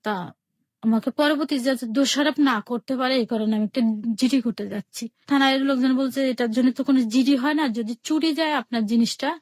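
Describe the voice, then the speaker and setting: A woman from Bangladesh, her voice sitting high and darkish, talks a little fast on a radio call-in show about her own life, with no echo. She speaks plainly, goes over things repeatedly, and reenacts each exchange in quotes.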